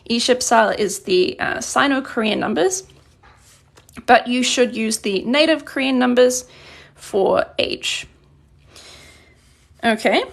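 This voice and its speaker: A Korean language teacher with a slightly high voice and noticeable gravelly fry leads a live online grammar lesson from her desk, filmed by a phone camera above it. She goes sentence by sentence, praising viewers' answers and fielding their questions along the way.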